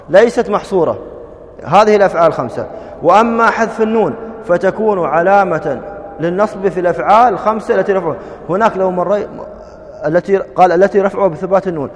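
A man teaching a grammar class, drilling students with quick questions and repeated verb forms. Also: high voice, long reverb tail.

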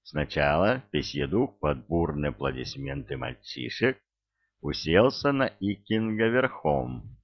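Man, storybook narrator, deep, gravelly, slow, dull muffled recording. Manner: slow, even, unhurried delivery. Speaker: audiobook narrator. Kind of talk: storybook reading with character voices.

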